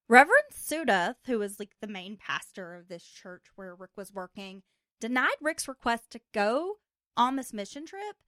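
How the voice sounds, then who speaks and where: A woman's voice: a little high, fairly bright tone, no room sound, clean studio sound. A woman co-hosting a casual true crime podcast, talking in a brassy, joking way. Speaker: podcast co-host.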